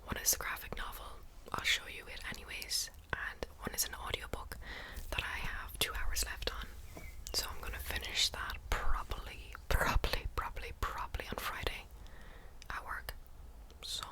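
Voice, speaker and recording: A woman whispering ASMR close to the mic in a casual book chat, breathy and unvoiced, softly repeating words and phrases. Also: normal speed, rough recording. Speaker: book review vlogger.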